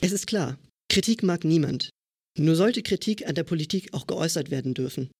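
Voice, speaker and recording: Twenties guy, kinda high voice, reads a stiff critical statement, dry close sound. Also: expressive, a little fast, husky, dry recording. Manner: formal, critical. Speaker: student cinema member. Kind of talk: read-out statement.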